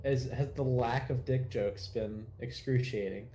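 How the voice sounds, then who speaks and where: A man's voice: mid-range voice, steady tone, a little slow, dark tone, a little hiss or hum. Laid-back teasing guy on a stream. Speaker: co-player friend. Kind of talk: casual gaming chat.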